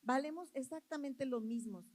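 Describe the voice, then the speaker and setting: Woman preacher, high voice, earnest, asks the congregation questions. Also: moderate pace, poor audio. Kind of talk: sermon.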